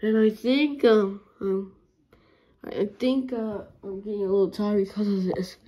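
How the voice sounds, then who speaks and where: A woman's voice: mid-range voice, fairly even intonation, a little slow, warm tone, a little hiss or hum. A woman improvising a fan story and voicing several characters. She talks hesitantly and often drops into a whisper. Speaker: plush toy video performer.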